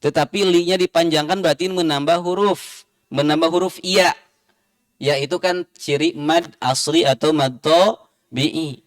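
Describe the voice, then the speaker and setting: Slow, smooth-voiced man teaching Quran recitation. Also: on the high side, fairly even intonation, no room sound, studio quality. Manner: patient, repeats and spells out sounds to demonstrate. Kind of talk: tajwid lesson. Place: mosque.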